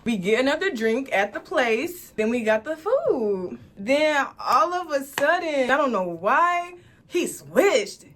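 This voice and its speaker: A woman in her twenties telling a story to camera, animated and laughing as she talks straight to viewers. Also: sits high, slow. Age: 20s.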